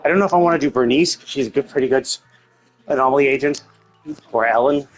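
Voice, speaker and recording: Streaming a video game, a man with a husky, slightly rough voice at ordinary male pitch offers casual, unscripted commentary. He talks fast and rambles as he thinks through his options aloud, with music behind him and poor audio quality.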